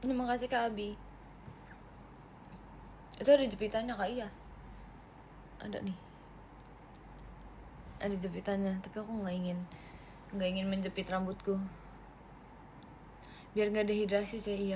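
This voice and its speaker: A young woman chats playfully on a phone livestream, reading out fan comments and giggling between replies. Her voice sits at a middle pitch. A faint hiss hangs behind her. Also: fairly even intonation, normal speed, long pauses, a little mellow. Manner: chatty, playful, giggly, reads comments aloud. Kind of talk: casual livestream chat.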